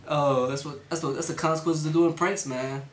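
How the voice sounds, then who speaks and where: A man's voice: fairly high pitch, echoey room, a little hiss or hum. A man hosting a casual reaction video, talking in a laid-back way with chuckling asides. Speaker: channel host reacting to a video.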